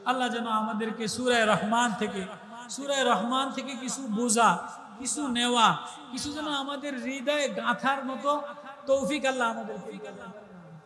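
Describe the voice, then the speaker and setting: A man's voice: extremely high pitch, normal speed, pushed and bright. A man preaching a Bengali-style sermon with a Bangladeshi regional accent, repeating his lines in an impassioned, rising sing-song chant. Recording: echoey hall-like PA reverb.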